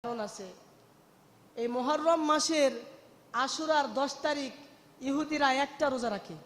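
High-voiced preacher chanting in a long hall. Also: male voice, measured pace, fairly bright tone. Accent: Bangladeshi Bengali. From Bangladesh. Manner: melodic rising and falling delivery, emotional, addresses listeners as brothers. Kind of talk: Bengali waz sermon, chanted storytelling.

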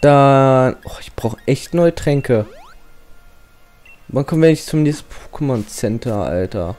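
A man's voice: medium pitch, expressive, unhurried, darkish tone. A young man giving casual, slangy let's-play commentary as a channel host, often reading game text aloud.

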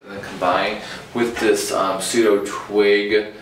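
An eager man in his thirties leads a tour through an echoey spa, his voice a touch low, talking in bursts of excitement padded with fillers. Audible room noise hums behind him the whole time. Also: slow pace. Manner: enthusiastic, gesturing, filler-heavy. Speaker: interior designer. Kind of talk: walkthrough tour explanation. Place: indoor spa salon, echoey rooms.

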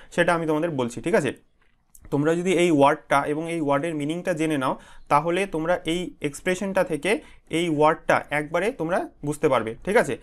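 A man with a Bengali accent teaches an exam-prep vocabulary lesson in a slightly raised voice. He spells out long words slowly, syllable by syllable, and keeps asking whether the class is following. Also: a little high. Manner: repeats "ঠিক আছে?" constantly, drills pronunciation syllable by syllable. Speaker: online English teacher.

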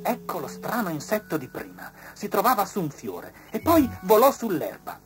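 Lively woman reading a children's story. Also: medium pitch, normal speed, soft background music.

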